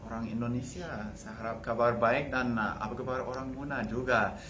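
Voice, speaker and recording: A man's voice: mid-range voice, steady tone, moderate pace, background noise. A young American man, a native English speaker, speaking Indonesian as a foreigner with some Malay words mixed in, casually introducing himself to camera. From United States. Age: young adult. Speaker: university language student.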